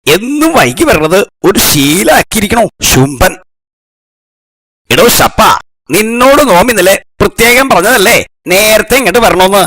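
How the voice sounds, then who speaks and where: A man's voice: high-pitched, animated, normal speed, a bit bright, dry recording. A man voicing a pompous, grumpy middle-aged lord in a kids' cartoon, who scolds his servant haughtily and speaks of himself as "we". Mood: indignant. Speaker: title character of a cartoon.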